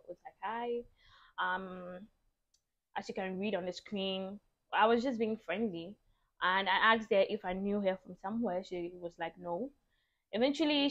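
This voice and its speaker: A young Ghanaian woman vlogger telling a story to camera in a casual, animated and exasperated way. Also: mid-range voice. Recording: dull lo-fi audio.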